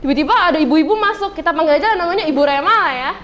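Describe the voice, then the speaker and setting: A woman's voice: very high voice, lively intonation, rapid-fire, a loud crowd. A girl telling a stand-up comedy story in a classroom, chatty and giggly. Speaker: student comedian.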